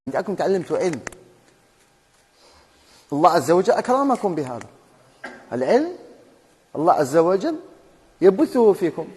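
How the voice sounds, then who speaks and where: A man's voice: high voice, darkish tone, big-room sound. A man with an Algerian Arabic accent teaching a classroom lesson on Quran recitation rules. He quizzes his students and then answers his own questions. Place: mosque hall.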